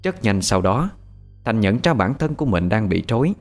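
A man narrating a ghost story in a measured, dramatic way. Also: lowish voice, big pitch swings, soft background music.

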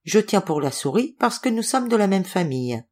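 A woman's voice: medium pitch, sing-song, moderate pace, darkish tone. A woman reading aloud voices an eccentric older male doctor who talks in a theatrical, declaiming way. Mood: musing. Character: eccentric old male doctor, cryptic and intense.

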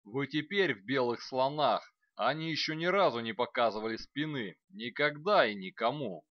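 Male narrator doing a rough company sergeant for an audiobook, loud barking delivery, dry and slightly dull sound. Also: medium pitch, animated, moderate pace, no echo, lightly acted. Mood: gruff reassurance. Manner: loud barking, blunt pep talk. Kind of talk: audiobook character voice.

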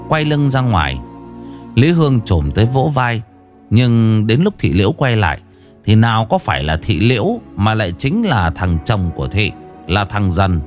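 A man narrating a ghost story with dramatic, rising and falling delivery. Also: on the low side.

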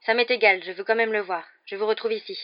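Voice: mid-range voice, steady tone, fast, pitched above the performer's own voice, lightly acted. A reader voicing an earnest teenage boy wizard student who talks in an urgent, pleading way. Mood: insistent. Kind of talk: audiobook character voice. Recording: slightly dull lo-fi recording.

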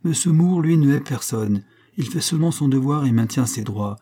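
A man's voice: medium pitch, expressive, moderate pace, dark tone, pitched above the performer's own voice, close to an everyday voice. A man reading an audiobook, voicing a shy young woman who speaks up heatedly and reproachfully. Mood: indignant. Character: shy young woman, fervent in her loyalty.

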